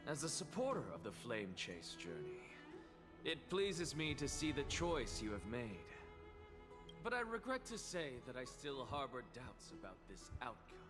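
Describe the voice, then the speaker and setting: An actor playing a haughty, theatrical scholar in a video game, lecturing an assembly with pompous, taunting, villain-like drawl. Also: male voice, mid-range voice, very animated, normal speed, close to an everyday voice. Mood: grand challenge. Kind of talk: video game dramatic acting. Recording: long hall reverb, loud music behind. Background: game music.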